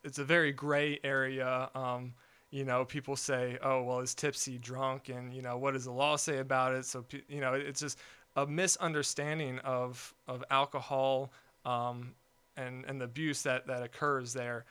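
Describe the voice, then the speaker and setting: A man's voice: mid-range voice, level tone, moderate pace, pushed and bright, clear, resonant tone. A young man talking casually in a discussion, rambling with many fillers and restarts. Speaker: podcast guest.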